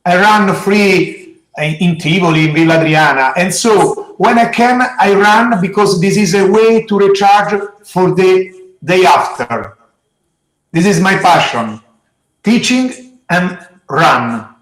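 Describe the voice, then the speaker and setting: Middle-aged man, Italian accent, slow halting answers, non-native phrasing, echoey room sound. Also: sits high, fairly bright tone. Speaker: geology teacher being interviewed. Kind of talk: interview answers to students.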